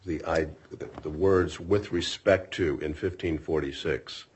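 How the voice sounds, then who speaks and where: In dull, lo-fi courtroom audio, an appellate judge questions counsel at oral argument, pressing with probing questions and frequently interrupting. His voice is low-pitched, husky, fairly even in intonation, and a little slow.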